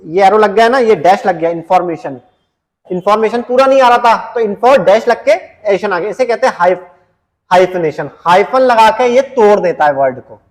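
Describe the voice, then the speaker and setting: A man teaching an exam-prep computer lesson, reading English questions slowly and explaining them in casual Hindi. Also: sits high. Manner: often adds "ठीक है" as a check-in.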